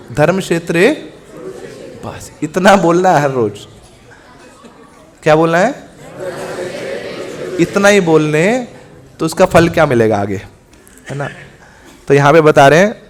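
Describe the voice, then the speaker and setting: A man preaching a scripture class in Hindi, telling the story in a lively way, acting out the dialogue, asking rhetorical questions and mixing in words. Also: a little high. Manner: lively storytelling, acts out the gods' dialogue, mixes in English words; asks the audience rhetorical questions and answers them.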